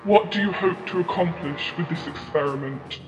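A man's voice: fairly high pitch, moderate pace, lightly acted. A defiant female demon, voiced by a man in a homemade audio drama. She presses insistently in a slightly raised voice. The audio is dull and echoey, with a long reverb and music behind. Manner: insistent, challenging. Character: defiant female demon, questioning her lord.

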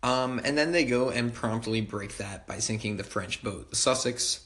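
A man's voice: medium pitch, moderate pace, fairly bright tone, reverberant. A man giving a casual history lecture, talking loosely with many fillers and wry asides. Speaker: history tutor.

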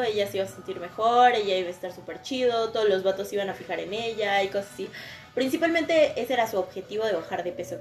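A young woman with a Mexican accent in casual podcast chat, frank and slangy, swearing freely. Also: mid-range voice. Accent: Mexican Spanish. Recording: echoey room with faint music.

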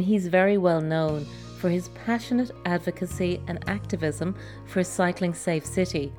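Female podcast host and interviewer, Irish accent, lowish register, faint music underneath. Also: darkish tone.

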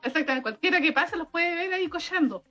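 A woman co-hosting a podcast in casual chat, agreeable and quick with quips, laughing along. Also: very high voice, expressive, music in the background. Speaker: podcast co-host.

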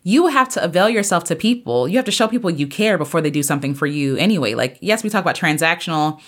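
A woman in her thirties speaks in a slightly low voice as she hosts her own podcast. She talks earnestly and a bit preachily, like a pep talk to her listeners. Her pitch leaps up sharply whenever she stresses a point. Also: fast. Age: 30s. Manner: earnest, preachy, animated with sudden pitch jumps. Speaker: podcast host and singer. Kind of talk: casual motivational podcast monologue.

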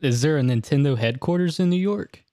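A man's voice: a little high, lively intonation, brisk, mellow, no room sound, clean studio sound. A man hosting a podcast interview, asking questions in a laid-back way and laughing often. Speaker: podcast host. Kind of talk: casual interview chat.

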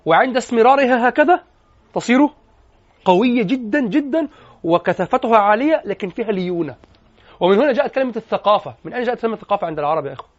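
A man with an Egyptian accent giving a lecture on classical poetry, animated, often asking his listeners questions and switching into colloquial speech. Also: high voice, racing. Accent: Egyptian Arabic. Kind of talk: lecture to students. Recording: dull lo-fi lecture recording.

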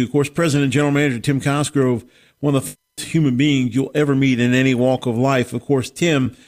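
A man's voice: medium pitch, darkish tone. A man hosting a sports radio show, addressing listeners and reading sponsor messages.

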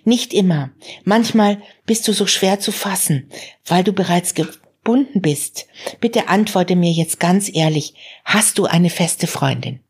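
Female reader as shy, earnest young woman in her twenties, low husky tone. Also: measured pace, a little mellow. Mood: pleading.

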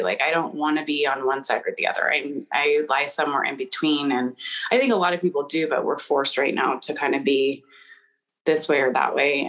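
A woman in her thirties co-hosting a podcast, talking casually and hesitantly with frequent restarts and laughs. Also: deep voice. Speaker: podcast co-host. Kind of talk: casual chat.

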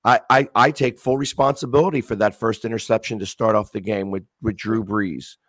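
A man's voice: lowish voice, steady tone, brisk, a bit bright, dry recording. A talkative man in casual chat as a sports-fan guest, rambling with many restarts.

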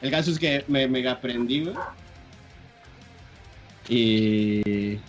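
A young man with a Mexican accent tells his friends a story, full of slang and swearing, and audibly excited. Faint music sits in the background. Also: medium pitch, slow pace, lo-fi sound. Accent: Mexican Spanish. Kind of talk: casual storytelling among friends.

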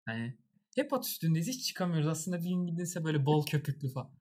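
A man's voice: on the high side, big pitch swings, fast talker, darkish tone. A man hosting a casual podcast chat, joking and playful. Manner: joking, playful, laughs often. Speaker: podcast host.

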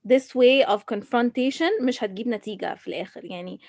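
A woman with an Egyptian accent talking casually about herself, halting and restarting as she switches between Arabic and English. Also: a little high, a little mellow, no room sound. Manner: mixes Arabic and English mid-sentence. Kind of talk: casual personal discussion.

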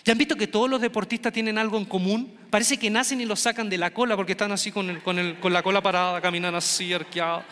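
A middle-aged man from Chile telling a comic story to an audience, animated and acting out the voices of the people in it. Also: sits high. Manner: animated, acts out quoted voices. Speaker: stand-up comedian. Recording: long hall reverb.

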